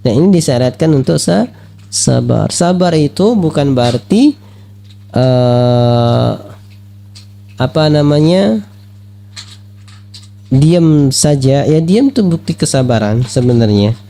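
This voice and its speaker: Gravelly-voiced male preacher. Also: mid-range voice, takes it slowly, long pauses. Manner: lively, asks rhetorical questions and acts out quoted voices. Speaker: Islamic preacher. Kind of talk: religious study lecture.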